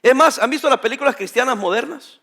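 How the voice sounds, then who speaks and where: A male pastor preaching a sermon, emphatic and addressing the congregation directly as brothers, often pausing so they can finish his phrases. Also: very high voice, creaky, bright, forceful tone.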